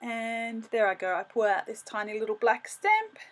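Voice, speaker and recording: A woman's voice: on the high side, very animated, normal speed. A middle-aged woman casually narrating her scrapbooking as she works, thinking aloud and correcting herself as she goes. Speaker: craft video host.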